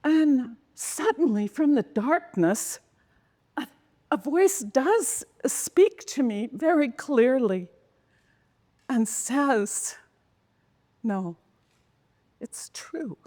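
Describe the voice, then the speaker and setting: A woman telling a dramatic personal story in a slow, intense way, sometimes sinking to a whisper. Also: high voice, lively intonation, mellow, big-room sound. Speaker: speaker.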